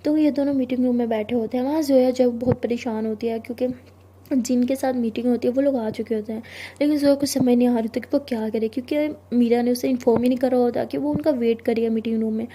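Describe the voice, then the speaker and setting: A woman's voice: fairly high pitch, steady tone, fast, dark tone. A woman casually narrating a romance story in a chatty retelling style. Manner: chatty retelling, self-correcting.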